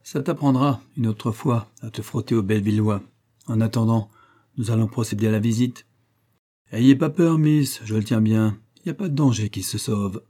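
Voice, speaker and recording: A man's voice: lowish voice, normal speed, mellow, natural voice. A man reading an audiobook, voicing a cocky young Parisian street lad who talks in a boastful, slangy way.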